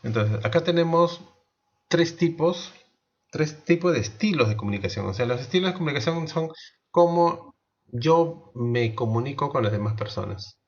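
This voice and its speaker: A man teaching a class, explaining slowly, asking the students questions and restarting his sentences often. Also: a little high, lively intonation, lo-fi sound. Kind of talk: online class lecture.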